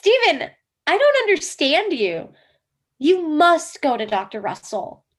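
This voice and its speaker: A woman reading a high, animated earnest wife. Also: measured pace, exaggerated voice. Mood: agitated. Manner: emphatic, theatrical delivery. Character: earnest wife devoted to dream analysis, woman. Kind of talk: comic play reading.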